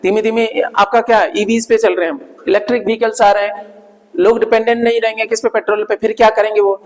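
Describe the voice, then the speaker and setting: High-voiced man quizzing his class. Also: flat delivery, fast talker. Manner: asks students questions and answers them himself; repeats key points as memory tricks. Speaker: exam coaching teacher. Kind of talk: revision lecture. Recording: long hall reverb.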